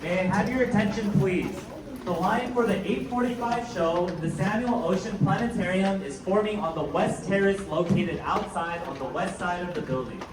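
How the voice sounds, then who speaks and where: A man's voice: high voice, crowd noise. Man's announcement over the intercom, echoey. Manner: formal, measured, polite instructions. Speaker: venue announcer. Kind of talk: scripted public address announcement. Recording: echoey distant loudspeaker with noise.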